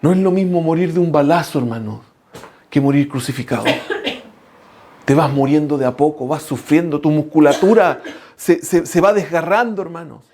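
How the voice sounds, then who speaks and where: A male preacher, delivering an impassioned sermon that swings from loud cries to hushed lines and calls the listeners brothers. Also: moderate pace. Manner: impassioned, shifting between loud outbursts and low hushed lines; addresses the congregation as brothers.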